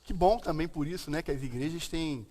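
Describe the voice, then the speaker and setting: A Brazilian man speaks with a slushy lisp and a slightly high-pitched voice. He explains scripture informally, often checking that listeners follow. Long reverb surrounds his voice like a hall. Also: fairly quick, mellow. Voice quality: lisp from a tied tongue, slushy s. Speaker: pastor and live-stream host. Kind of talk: informal Bible teaching on a live stream.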